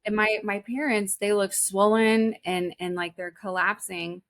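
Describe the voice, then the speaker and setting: A woman in her forties, a podcast guest telling a personal story in an earnest, halting way with many restarts. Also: mid-range voice, steady tone, a bit bright. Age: 40s. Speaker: guest, spiritual teacher.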